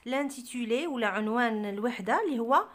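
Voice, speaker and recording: A woman with an Algerian accent tutoring a child at home, patiently repeating and spelling out words slowly. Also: on the high side, expressive. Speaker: tutor reviewing a French textbook with a child. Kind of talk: home tutoring, French and Arabic mixed.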